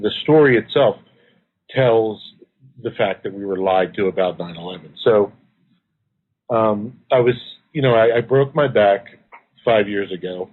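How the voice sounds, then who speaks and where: This guest, an activist and researcher, has a husky, fairly low male voice and gives earnest, lengthy explanations in a phone interview. The audio comes through a tinny phone line.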